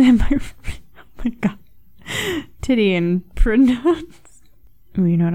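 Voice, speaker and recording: A woman's voice: mid-range voice, creaky, a little mellow. A young woman hosting a podcast alone, chatting casually in a rambling, self-mocking way with frequent swearing. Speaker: podcast host. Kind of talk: casual solo podcast chat.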